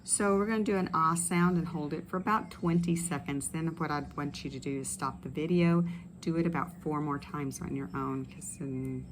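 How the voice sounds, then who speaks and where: A woman speech pathologist leading voice and swallowing exercises in a relaxed, explanatory way with many fillers. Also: low voice, background noise. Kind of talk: instructional exercise video. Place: outdoors in a tropical setting. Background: ambient outdoor sounds with birds.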